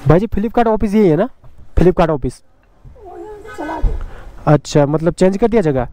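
A man's voice: high voice, expressive, measured pace, mellow. A young man vlogging casually from his motorbike, talking loosely through a helmet-mounted mic. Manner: chatty, loose, says yaar often. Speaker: motovlogger. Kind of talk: casual vlog chat. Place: outdoors on a motorbike in a hill town. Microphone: helmet-mounted camera mic.

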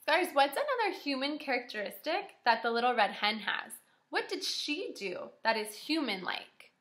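High-pitched and sing-song, a bit bright, and delivered at normal speed, the young kindergarten teacher's voice guides children through a reading with encouraging, well-enunciated questions. It's a roomy, echoing home video recorded indoors in a small room.

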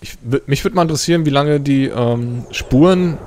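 Let's-play co-host: German man, mid-pitched, relaxed commentary, easily flustered. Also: moderate pace, a little hiss or hum. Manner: easygoing, commenting on graphics, flustered when chased. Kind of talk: casual gaming chat.

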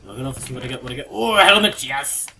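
A chatty man rambles through casual game commentary at an ordinary pitch, breaking into sudden excited yelps. The home recording is noisy, with keyboard clicks rattling behind him. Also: rapid-fire, gravelly. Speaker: let's play commentator. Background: keyboard typing and clicks.

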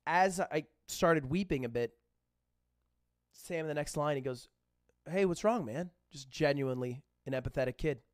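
A man's voice: on the high side, moderate pace, dry recording, clean studio sound. A male streamer telling a funny childhood story in a casual, self-deprecating way.

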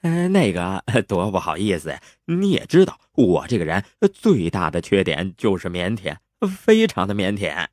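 A man voicing a cheeky, smooth-talking teenage boy who wriggles out of trouble with flustered excuses. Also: sits low, wildly swooping pitch, normal speed, hardly any pauses, darkish tone, dry recording, studio quality. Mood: coy. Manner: flustered, evasive, talking his way out. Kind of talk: audio drama acting.

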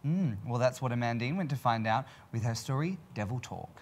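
A man's voice: medium pitch, animated, a little fast. A man presenting as a campy drag queen hostess, with arch, theatrical, scripted comic delivery. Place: TV studio set.

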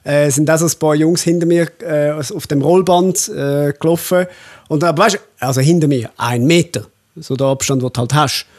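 A man's voice: a little high, moderate pace. A young adult man with a Swiss accent hosting a casual comedy podcast and telling stories with energy. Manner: animated storyteller. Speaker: podcast host.

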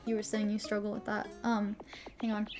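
A woman's voice: mid-range voice, monotone, moderate pace, noisy background. A young woman streaming live, chatting casually with her viewers, giggly, apologetic and rambling. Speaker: vtuber streamer.

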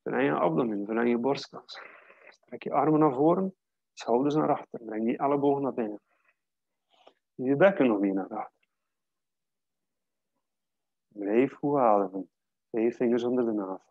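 A man guiding a yoga class, calmly cueing breath and posture in a steady way. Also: mid-range voice, moderate pace, pauses often, no echo, lo-fi sound. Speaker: yoga teacher. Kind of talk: guided yoga class instruction.

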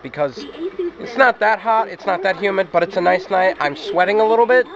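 A man's voice: high-pitched, lively intonation, fairly quick, lo-fi sound, crowd noise. A man doing a casual daily vlog to camera, chatting loosely and speaking straight to his viewers. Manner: rambling, chatty, addresses viewers directly. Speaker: daily vlogger.

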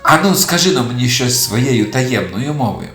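A clever little male kitten from a children's audio tale, calm and a bit sly, as a storyteller puts him on. He speaks in a raised, measured voice with lively pitch movement. The sound is roomy, with gentle music underneath.

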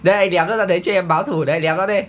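A man's voice: high voice, fairly even intonation, rapid-fire. A young man, boasting, teasing and laughing through playful gameplay commentary. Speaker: gaming streamer.

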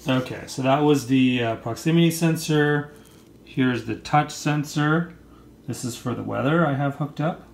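A man's voice: medium pitch, unhurried, creaky. A man presenting a casual hands-on tutorial in an informal, explanatory way. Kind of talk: casual hands-on product demonstration. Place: indoor room, at a table. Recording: roomy with faint background noise.

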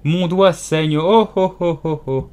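A man's voice: normal speed, a little mellow, lightly acted. A man voicing a fussy, scatterbrained old queen who wails and lectures in an audiobook. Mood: wailing. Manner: shrill wailing cries, fretful and peremptory. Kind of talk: audiobook character voice.

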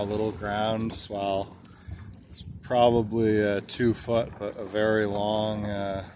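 A man narrating casually while sailing a small boat, talking in an unhurried way with many filler pauses, recorded outdoors at sea on a boat-mounted camera. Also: lowish voice, darkish tone. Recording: wind and water noise outdoors. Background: wind and water noise.

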